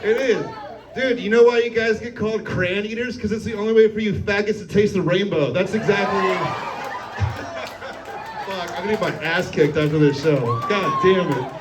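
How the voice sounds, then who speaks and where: A man's voice: sits high, huge pitch swings, moderate pace, background noise. A young man doing a brash, crude stand-up set on a comedy club stage, chuckling at his own jokes as he works the crowd. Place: comedy club stage before a live audience. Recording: live club recording, a bit far from mic, crowd audible.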